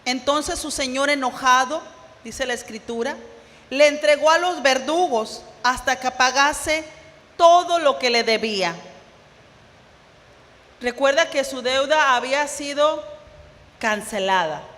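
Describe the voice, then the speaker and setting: A woman's voice: sits high, unhurried, pauses often, a bit bright, big-room sound. A woman pastor preaching a sermon, retelling a parable and putting questions to her congregation. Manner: storytelling, acts out parable dialogue, rhetorical questions to congregation. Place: church sanctuary.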